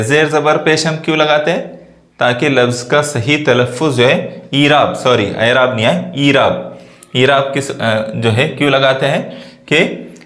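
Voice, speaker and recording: Male teacher, mid-pitched, step-by-step exam walkthrough, asks and answers his own questions, roomy echo. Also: a bit bright. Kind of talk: screen-recorded exam walkthrough.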